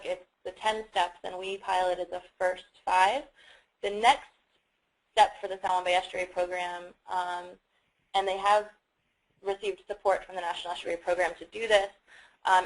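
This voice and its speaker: A woman facilitating a climate workshop speaks as a webinar panelist, explaining things conversationally with many hesitant ums. Her voice is on the low side, and the recording quality is poor.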